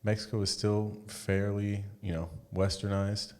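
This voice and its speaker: Very deep-voiced laid-back man. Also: monotone, a little slow, darkish tone. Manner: laid-back, blunt, swears casually. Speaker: podcast co-host. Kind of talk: casual chat.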